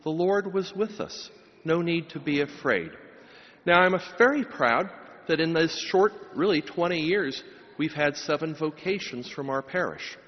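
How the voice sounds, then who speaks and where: At a large church, a middle-aged pastor preaches a sermon and gives a blessing, his phrases emphatic and rising at the pulpit microphone. His fairly high voice is expressive and a little slow, captured with a dull sound and long church reverb.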